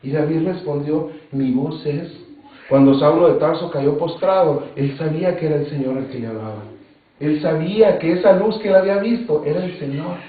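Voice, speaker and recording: Man preaching in a booming echoey hall. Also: expressive, a little fast. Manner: repeats phrases for emphasis, reads scripture aloud. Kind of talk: sermon. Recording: tinny, very echoey, distant mic, faint noise.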